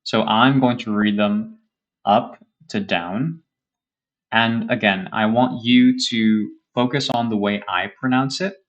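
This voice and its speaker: Man, English teacher, slow pace, patient, checks understanding often. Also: on the low side, lo-fi sound. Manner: patient, explains slowly with frequent "okay?" and "right?" checks. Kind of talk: grammar lesson for beginners.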